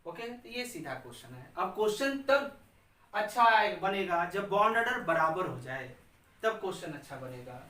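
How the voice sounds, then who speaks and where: A man's voice: sits high, very animated, moderate pace, bright, forceful tone. Man teaching chemistry in an echoey classroom. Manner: drills students by asking questions and answering them himself; repeats key terms in a chanting rhythm. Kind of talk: classroom lecture. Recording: echoey room, distant mic, faint hiss.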